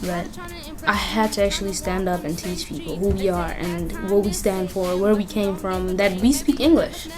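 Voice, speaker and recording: A woman's voice: medium pitch, normal speed. A young woman from Kenya, talking earnestly and reflectively in a casual interview at a community center. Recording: music playing under the voice.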